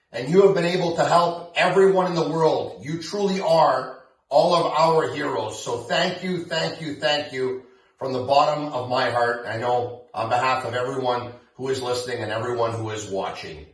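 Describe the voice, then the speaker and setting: A man's voice: mid-range voice, normal speed. A man, a radio host, giving an earnest and grateful introduction for a charity show. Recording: very echoey, distant from the mic.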